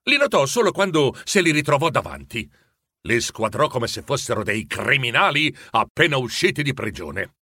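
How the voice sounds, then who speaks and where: Expressive man reading a storybook. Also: medium pitch, normal speed, slightly rough, no echo, studio quality. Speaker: narrator. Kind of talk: storybook narration.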